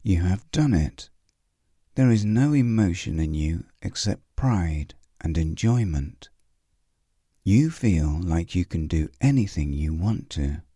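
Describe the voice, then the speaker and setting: Slow, deep-voiced male meditation guide. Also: warm tone, no room sound, studio quality. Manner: slow, soothing, with long pauses.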